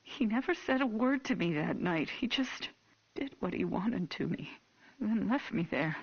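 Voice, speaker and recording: A woman's voice: mid-range voice, lively intonation, measured pace, breathy edge. An actress playing an intense, menacing middle-aged American mother, grieving and vengeful, in a taped police interview for a game. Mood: haunted. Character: unhinged, grieving, vengeful mother of a lost boy. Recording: dull, muffled old tape recording.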